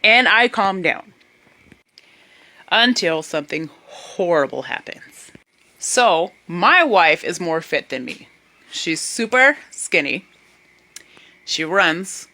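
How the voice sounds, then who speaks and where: Bright-voiced woman telling a funny story. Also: lowish voice, slow pace, long pauses. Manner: animated, puts on voices for others. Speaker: vlogger. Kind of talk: casual storytelling.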